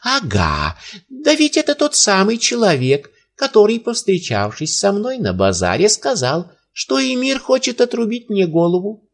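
A man doing a shrill, quavering old sage. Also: animated, a little slow, a little mellow. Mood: indignant. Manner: quavering, wailing protests. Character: frightened old male court sage, shrill.

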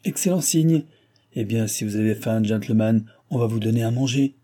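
A man's voice: on the low side, moderate pace, mellow, close to an everyday voice. A man voicing a tall, bony American doctor who speaks French with a guttural foreign accent, placid but firm and grumbling. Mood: phlegmatic.

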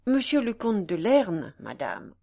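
A woman reading the part of a grave, military-mannered fencing master of about forty, speaking politely and calmly. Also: medium pitch, slow pace, gravelly, full character voice. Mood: explaining.

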